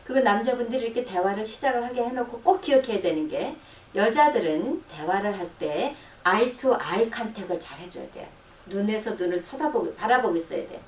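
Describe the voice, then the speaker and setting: A middle-aged woman psychologist explaining advice in a radio-style talk, acting out sample lines of dialogue in a softer, lower voice. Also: animated, brisk. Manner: explanatory, acts out sample dialogue in a soft low voice. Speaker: counseling psychologist giving advice. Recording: roomy, distant, faint noise.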